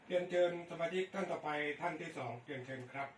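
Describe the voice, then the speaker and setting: A man working as an amateur radio operator, talking in brisk radio exchanges. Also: a little high. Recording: echoey, distant mic, faint noise.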